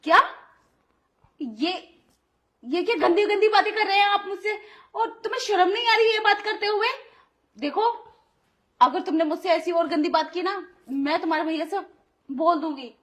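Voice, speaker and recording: A woman's voice: very high voice, moderate pace, pauses often, fairly bright tone. A woman voicing an indignant young wife in an audio drama, who scolds and protests sharply at her pushy brother-in-law. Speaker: voice actor. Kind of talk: Hindi audio drama acting.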